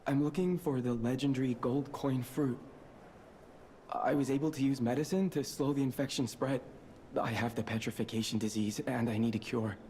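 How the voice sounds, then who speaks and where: Man acting a jittery, rambling alchemist, soft mellow voice. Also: medium pitch, steady tone, normal speed, a little hiss or hum, natural voice. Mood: nervous rambling. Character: nervous jittery male alchemist posing as pharmacist. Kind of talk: video game voice acting.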